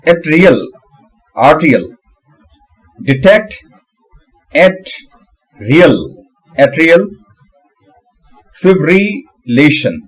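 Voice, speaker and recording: A man giving a casual tutorial on pronunciation, breaking hard words into syllables and repeating them slowly. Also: fairly high pitch. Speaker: channel host.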